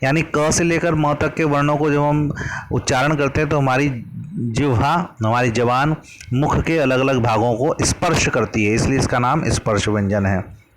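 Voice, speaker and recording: A man's voice: medium pitch, fairly even intonation, moderate pace, slight background noise. A man teaching a grammar lesson from a worksheet, patiently explaining and drawing out vowel sounds as examples.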